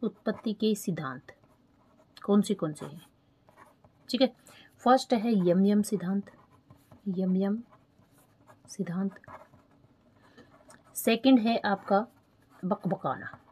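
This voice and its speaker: A woman teacher, explaining an exam lesson slowly, repeating key terms and asking checking questions. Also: mid-range voice, a little mellow, husky. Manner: spells terms out letter by letter while writing. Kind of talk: online exam-prep lesson.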